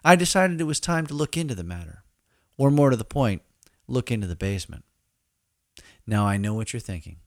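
A man's voice: mid-range voice, expressive, fairly quick, pauses often, no room sound, clean studio sound. A man hosting a storytelling podcast, narrating scripted comic tales in the first person with a wry, mock-solemn, theatrical delivery.

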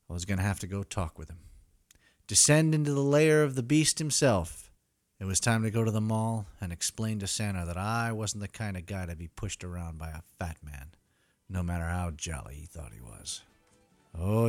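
A man's voice: lowish voice, no room sound, clean studio sound. A man narrating a scripted comic story as host, with theatrical, emphatic delivery.

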